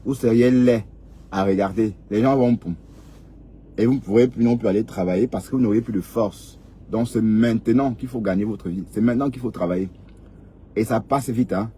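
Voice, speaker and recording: Lecturing man, low mellow voice. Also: moderate pace, slight background noise. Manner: lecturing, repetitive, frequent "hein?". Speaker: vlogger. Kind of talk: casual advice monologue.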